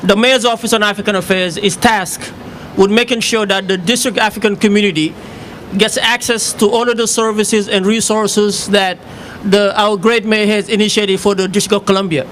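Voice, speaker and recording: A man from Senegal, giving formal remarks as a city office director, halting with many fillers. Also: high-pitched, steady tone, fairly bright tone, slight background noise.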